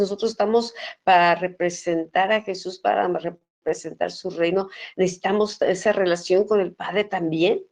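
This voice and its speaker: A woman's voice: on the low side, darkish tone. A woman co-teaching a church class, explaining scripture in a conversational way.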